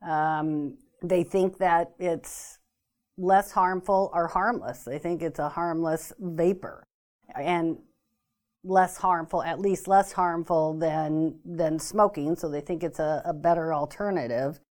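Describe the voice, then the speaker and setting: A woman's voice: on the low side, fairly even intonation, takes it slowly, darkish tone. A woman explaining as a guest expert in a talk interview, careful and full of ums and restarts. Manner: hesitant, many ums and restarts. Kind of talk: informational talk show interview.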